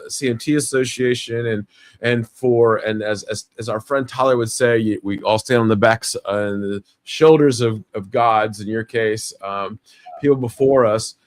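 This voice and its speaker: A man hosting a live stream interview, enthusiastic and halting, with many fillers and restarts. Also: mid-range voice. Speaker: livestream host. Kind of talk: casual interview.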